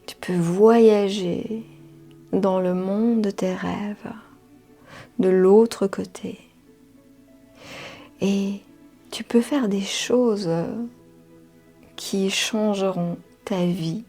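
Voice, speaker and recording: Very slow, breathy woman guiding meditation. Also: mid-range voice, steady tone. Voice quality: soft, breathy, half-whispered. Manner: soothing, drawn-out phrases with long pauses. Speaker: meditation guide. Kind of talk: slow guided hypnotic meditation. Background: music.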